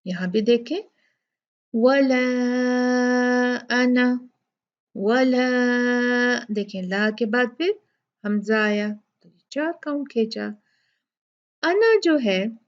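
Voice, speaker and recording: Slow, patient woman teaching recitation. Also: mid-range voice, highs cut off. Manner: patient, explains slowly with repeated examples. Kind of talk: tajweed lesson.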